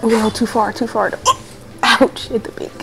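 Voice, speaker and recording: A woman gamer with the hiccups gives casual, rambling commentary while she plays, laughing and cursing at her mistakes. Her voice sits in a middle pitch, and her words come slowly. Faint game music plays behind her. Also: little pitch movement, gravelly. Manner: laughs often, swears freely, talks to herself. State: has the hiccups. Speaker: let's play gamer. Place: at home with others nearby.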